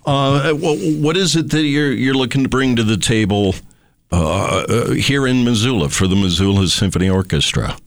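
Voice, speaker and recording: A man hosting a casual radio interview in a studio, talking in a relaxed, friendly way with frequent hesitations. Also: mid-range voice, moderate pace, no room sound. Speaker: radio host.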